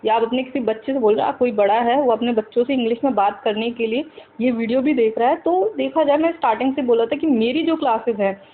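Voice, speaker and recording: A woman teaching English to Hindi speakers. She talks slowly, repeats each example sentence several times and keeps asking the viewers questions. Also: on the high side, narrow, tinny audio, slight background noise.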